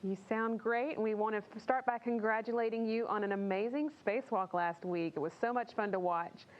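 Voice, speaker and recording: A woman's voice: fairly high pitch, steady tone, fairly quick. A woman moderating a live press event in an informal, organized way. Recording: thin phone-like line.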